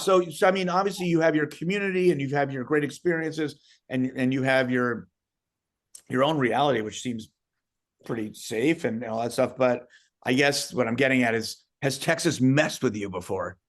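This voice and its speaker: A man's voice: mid-range voice, normal speed. A man hosting a podcast interview, talking casually in rambling sentences that he often restarts, laughing as he goes. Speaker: podcast host.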